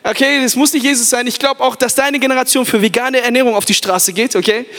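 A young man, a youth pastor, giving an animated, hype sermon to a live audience in a large hall, with restarts and English fillers. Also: extremely high pitch, fast. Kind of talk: energetic sermon. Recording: echoey hall.

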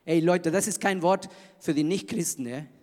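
A man preaching a sermon in an emphatic manner, swinging between loud bursts and hushed lines. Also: a little high, normal speed, long reverb tail. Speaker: pastor.

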